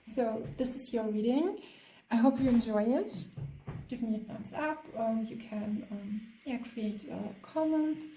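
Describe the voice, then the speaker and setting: A woman's voice: on the high side, reverberant, low-quality recording. A woman with a German accent doing a spiritual tarot reading, hesitant and full of fillers. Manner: hesitant, many fillers, soft laughs. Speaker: tarot card reader.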